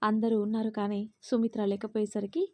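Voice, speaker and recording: A woman narrating a family drama story in a steady, expressive way. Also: mid-range voice, brisk.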